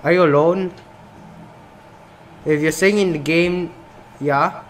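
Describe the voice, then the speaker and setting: A young Singaporean gaming YouTuber with a fairly high voice and fairly even intonation speaks slowly, with slight background noise. In a small indoor room, he plays a game on camera, reads its questions out loud and reacts casually, often saying "bro."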